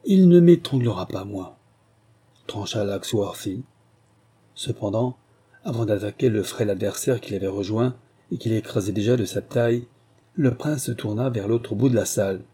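Brief: male audiobook narrator, dark mellow tone, husky grain, steady and even. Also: lowish voice, normal speed. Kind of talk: scripted narration.

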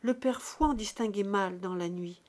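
A woman's voice: medium pitch, unhurried, a little mellow. Woman reading a novel aloud. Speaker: audiobook reader. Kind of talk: literary narration.

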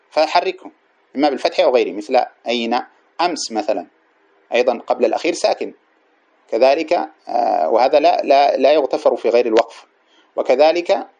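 A man's voice: medium pitch, darkish tone. A man teaching Arabic grammar from a classic text, explaining point by point, repeating examples and asking his class rhetorical questions. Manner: trails off and restarts words mid-phrase.

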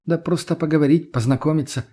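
A man's voice: a little high, steady tone, fast, warm tone, pitched above the performer's own voice, close to an everyday voice. A man voicing a hardened young man who talks bluntly and gives orders. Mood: hard. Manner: blunt, commanding.

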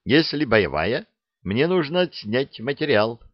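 A pushy young woman reporter, put on by a male reader, raised a little in pitch and firing brisk questions. The audiobook sound is dull and dry. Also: very animated, no echo. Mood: probing.

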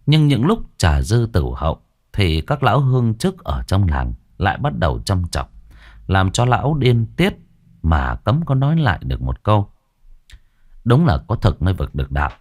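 Deep-voiced male ghost story narrator. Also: sing-song, moderate pace, darkish tone.

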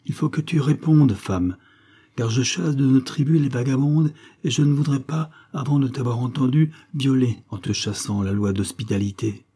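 A man voicing a stern old druid priest, speaking slowly and sonorously. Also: medium pitch, warm tone, husky, voice pushed up, close to an everyday voice. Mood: demanding. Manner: slow, sonorous, impassive.

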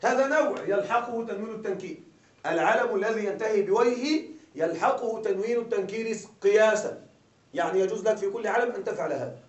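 A man's voice: sits high, fast talker, far from the mic. A man giving a grammar lesson to a class, often repeating questions to check that the listeners follow. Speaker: grammar teacher. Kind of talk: classroom lecture. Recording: echoey dull room sound from afar.

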